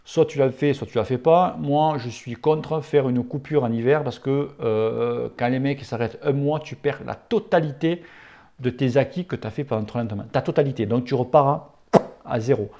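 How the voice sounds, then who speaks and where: Over lo-fi audio, a man with a medium-pitched, warm, slightly quick voice hosts a cycling channel, answering viewer questions in a casual Q&A. He's blunt, familiar and outspoken, throwing in crude slang.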